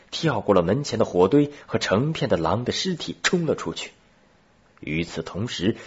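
A male storyteller reads a novel with a steady, expressive delivery. His voice is very deep and strongly husky. The sound is dull and lo-fi. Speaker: narrator. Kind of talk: storybook narration.

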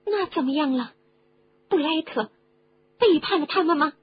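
A woman doing an eager, high-voiced barmaid. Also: expressive, moderate pace. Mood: curious. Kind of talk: audiobook reading. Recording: dull lo-fi recording with faint hum.

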